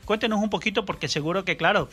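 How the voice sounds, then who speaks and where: Bright-voiced radio host, full of amens. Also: male voice, high-pitched, quick pace, slightly rough. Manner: affirming, prompting with amens. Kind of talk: radio interview.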